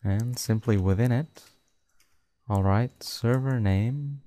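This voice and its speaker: A man narrating a screen-recorded coding tutorial, dictating code slowly and step by step. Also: mid-range voice, dark tone. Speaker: tutorial host.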